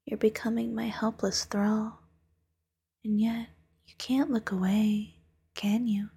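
A woman's voice: mid-range voice, flat delivery, takes it slowly, exaggerated voice. A woman playing Lilith, a whispery teasing demon. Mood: hypnotic. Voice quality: whispery, breathy. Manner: teasing, soft-spoken, coaxing. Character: playful teasing female demon hypnotist. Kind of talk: ASMR hypnosis roleplay.

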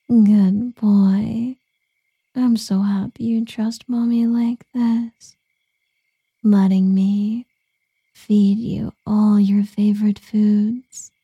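A woman voicing a seductive, doting female succubus lover in an ASMR roleplay, whispering softly and cooing pet names. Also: mid-range voice, little pitch movement, drawn-out words, long pauses, slightly rough, no room sound, lo-fi sound, full character voice.

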